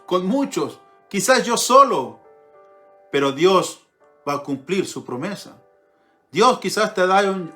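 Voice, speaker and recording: A man's voice: high-pitched, pushed and bright. A man preaching a sermon, earnest, repeating phrases for emphasis and reading scripture aloud.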